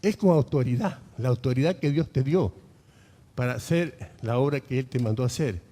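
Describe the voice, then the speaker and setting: A man's voice: mid-range voice, moderate pace, dark tone, big-room sound. A male pastor preaching a sermon, emphatic and full of rhetorical questions.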